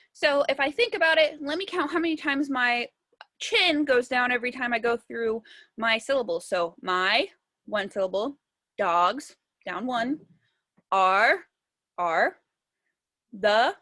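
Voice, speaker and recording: A young woman teaching a virtual music lesson, patiently explaining step by step and sounding words out slowly. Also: high-pitched, fairly bright tone, no echo.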